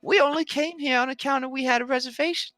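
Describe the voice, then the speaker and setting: Man as hurt, folksy pony, high-pitched and plaintive, tabletop fantasy game. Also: fast, pushed and bright, no room sound, faint music behind. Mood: hurt, earnest. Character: earnest, hurt, folksy sporty pony in a quarrel.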